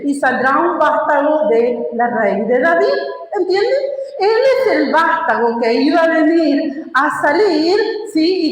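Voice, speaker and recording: A woman preaching a sermon, emphatic and asking her listeners questions as she teaches. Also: high voice. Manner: emphatic, asks the congregation questions. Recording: echoey hall reverb.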